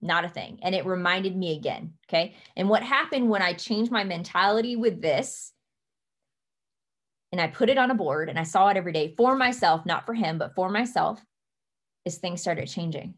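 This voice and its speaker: A young woman leading her team from a home office over a webcam, giving earnest, emphatic advice and slowing down to stress her key points. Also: on the low side, animated. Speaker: team leader. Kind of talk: motivational coaching talk.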